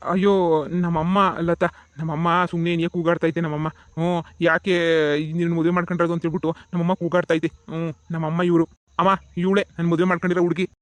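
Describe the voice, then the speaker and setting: Cartoon young husband, voiced by a man: anxious and pleading, high flat tone, dry sound. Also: fairly quick, dry recording, close to an everyday voice.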